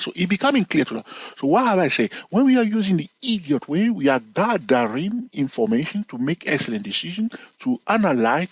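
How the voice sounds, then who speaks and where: The recording is rough and has no room sound as a husky trading educator gives a casual chart lesson by screen share. Speaking directly to viewers, he peppers his talk with "okay?" and "all right?", playful and teasing, his pitch shooting up suddenly for emphasis.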